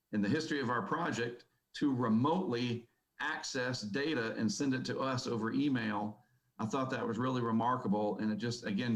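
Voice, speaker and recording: Man, conference speaker, mid pitch, casual rambling delivery, lots of ums. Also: rough recording. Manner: casual, rambling, with many fillers. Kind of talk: presentation talk. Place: conference hall.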